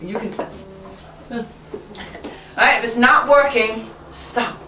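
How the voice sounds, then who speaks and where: A woman leading a teacher training workshop, brisk and chatty, who keeps checking in with "right?". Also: on the high side, bright, forceful tone, slight background noise. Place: classroom. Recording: roomy classroom from far off.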